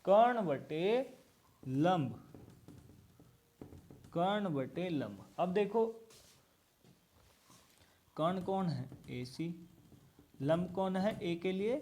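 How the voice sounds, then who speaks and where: A man's voice: high-pitched, lively intonation, drawn-out words, pauses often, a little mellow. A male maths teacher giving a classroom lesson, patiently repeating each step and asking questions aloud. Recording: very echoey room, mic far away.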